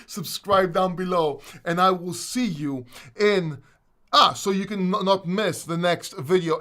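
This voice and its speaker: A man's voice: sits high, pushed and bright. A man from Greece hosting a casual live stream, chatty and rambling, a little winded. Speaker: host.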